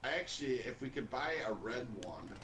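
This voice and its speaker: A man's voice: mid-range voice, animated, moderate pace. A man co-hosting a farming game let's play in easygoing casual chat, chuckling and explaining how the game works. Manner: laid-back, chuckling, explains game mechanics. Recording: roomy mic with background hiss.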